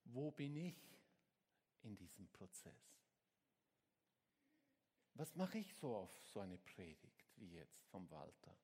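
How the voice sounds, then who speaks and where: Pastor guy preaching slow, husky voice, big echoey church hall. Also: on the low side, sing-song. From Switzerland. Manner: swings between hushed and shouted exhortation. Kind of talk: sermon.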